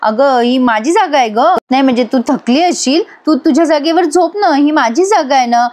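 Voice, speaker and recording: A woman's voice: sits high, expressive, normal speed, a little mellow, voice pushed up. Woman doing an exasperated young husband. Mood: protesting. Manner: exasperated, protesting. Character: irritated young husband, man.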